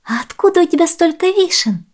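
A woman's voice: animated, fairly quick, a little mellow. A woman doing a pleading little peasant girl. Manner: high, pleading and shrill. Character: obedient little peasant girl, timid and tearful.

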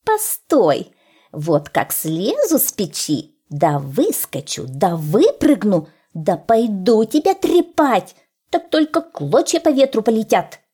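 A sly, scornful vixen from a storybook who taunts and threatens, as a woman acts her out. She stretches her words slowly, and her voice swings widely in pitch with a warm, dark tone. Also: wildly swooping pitch, slightly rough, exaggerated voice. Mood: threatening. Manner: mocking, taunting.

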